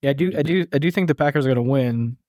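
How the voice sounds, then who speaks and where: A man's voice: medium pitch, racing, darkish tone, no echo, clean studio sound. Easygoing man in sports chat. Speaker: podcast co-host.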